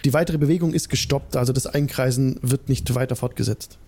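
A man's voice: mid-range voice, brisk, a little mellow. A man narrating as game master, who explains rules with frequent restarts.

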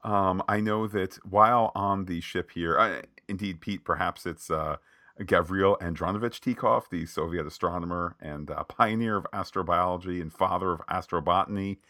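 A man with a very low voice and a bright, forceful edge co-hosts a podcast episode recap. He rambles through the plot with many fillers and jokey tangents. The sound is dry and close. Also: moderate pace, no room sound. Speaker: podcast co-host. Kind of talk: recapping an episode in casual chat.

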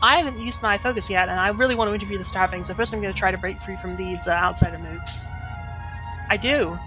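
A woman's voice: mid-range voice, rough recording. A woman improvising casually as a tabletop game player, hesitant and often correcting herself. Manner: hesitant, halting, self-correcting. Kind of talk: casual improvised role-play. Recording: faint music behind.

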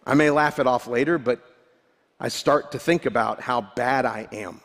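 A man's voice: mid-range voice, normal speed, a bit bright. A male pastor giving a sermon, candid and self-deprecating, often restarting his sentences. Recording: long hall reverb.

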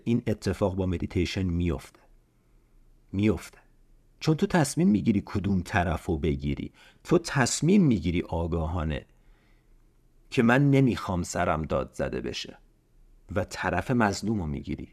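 A man hosts a motivational self-help podcast in a fairly low, slightly mellow voice. He pleads earnestly with the listener, repeating key lines and posing rhetorical questions.

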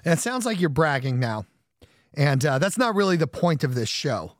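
A man's voice: a little high, big pitch swings, moderate pace, no echo. A man hosting a podcast, rambling casually with lots of fillers, joking about himself and laughing often. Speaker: podcast host.

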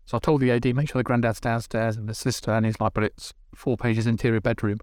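A man, a TV director, telling animated casual stories on a podcast, swearing and acting out what people said. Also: medium pitch, fast talker, no echo, clean studio sound. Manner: animated, swearing, acts out dialogue. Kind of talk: casual storytelling. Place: podcast studio.

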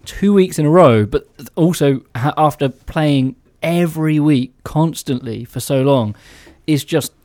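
A man's voice: a little high, measured pace, few pauses, warm tone, no room sound, studio quality. An English-accented man co-hosting a radio show, telling anecdotes in casual chat. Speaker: radio show co-host, musician.

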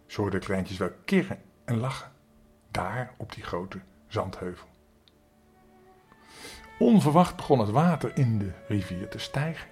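An older man telling a storybook tale to young children, gentle and expressive, speaking to them directly. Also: lowish voice, measured pace, pauses often, slightly rough, faint music behind.

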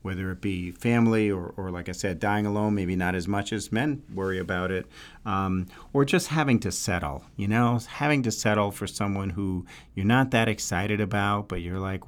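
Male podcast host, New York accent, low register, casual and halting, thinking aloud. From New York, USA. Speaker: podcast host giving dating advice to women. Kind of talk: casual solo podcast talk.

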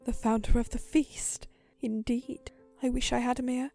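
A woman playing a poor, motherly but sharp-tongued mother of a large family in a dramatized story. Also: on the high side, little pitch movement, moderate pace, vocal fry, no room sound, faint music behind. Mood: indignant.

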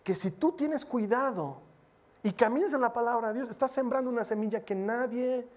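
A man's voice: very high-pitched, moderate pace, darkish tone. A male preacher exhorting his congregation, illustrating his sermon with personal stories. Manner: exhorting, storytelling with mimicry.

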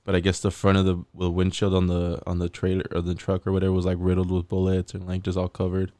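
A young man in a casual podcast chat, reading news aloud in a flat mumble. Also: low-pitched, quick pace, no room sound.

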